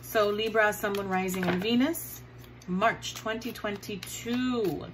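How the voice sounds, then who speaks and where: A woman tarot reader talks her viewers through a card spread at a slow, unhurried pace, using pet names and repeating herself as she turns each card. Her voice sits in a middle pitch, with a faint hiss of noise under the recording. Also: fairly even intonation. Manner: chatty, affectionate, repeats signs and card names. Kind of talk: casual tarot reading to viewers.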